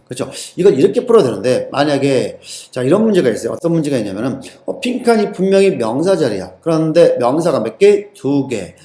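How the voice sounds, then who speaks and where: A man's voice: mid-range voice, very animated, fast talker, hardly any pauses, warm tone, echoey room. A man teaching an exam-prep lesson, constantly quizzing his students and repeating the answers back to them. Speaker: TOEIC English teacher. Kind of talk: lecture-style exam lesson.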